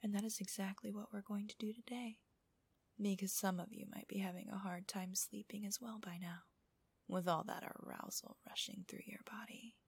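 A woman whispers softly and slowly in an intimate, teasing ASMR style. Her voice is very breathy and airy, with a crackle of fry at the edges. The sound is dry and close, and her pace is unhurried. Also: mid-range voice, fairly even intonation, no echo. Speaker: host of erotic relaxation audios. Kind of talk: whispered ASMR audio narration for adults.

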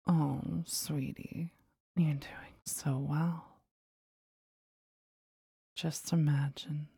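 A woman whispers close and breathy, her low voice husky with gravelly fry. She takes her time over every word in a teasing, commanding way. The sound is intimate and dry. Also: warm tone, no room sound. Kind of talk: whispered intimate ASMR roleplay.

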